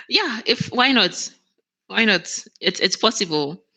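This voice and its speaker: Speaking at a slow pace, this woman has a mid-range voice with big pitch swings and a bright, forceful tone. She's an operations manager guesting in a conversational interview, earnest, often restarting, and laughing easily.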